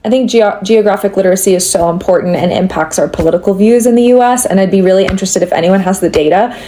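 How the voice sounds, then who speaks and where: Brief: American woman, mellow warm voice, reflective explainer. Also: mid-range voice, fast. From United States. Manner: thoughtful, explanatory, with many fillers. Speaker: commentator. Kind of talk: explanatory social media video.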